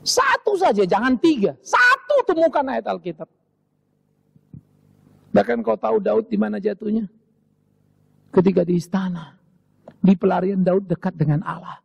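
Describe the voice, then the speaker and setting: A man from Indonesia preaching a sermon as pastor, swinging from shouts down to whispers. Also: high-pitched, very animated, moderate pace, creaky, long pauses, slightly rough, no echo.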